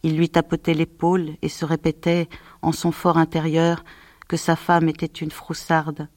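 A woman reading a novel aloud at a slow, measured, gentle pace. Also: low voice, monotone, dry recording, studio quality. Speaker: audiobook narrator. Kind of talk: slow scripted literary narration.

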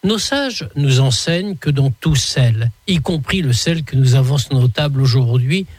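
A man reading a short scripted religious column on the radio, measured and formal. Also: medium pitch, animated, a little mellow, breathy edge, dry recording. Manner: measured, formal read delivery.

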